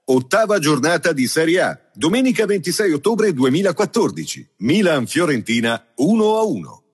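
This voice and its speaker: Husky male announcer with long reverb. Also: a little high, very animated, normal speed. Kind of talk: scripted match-title announcements.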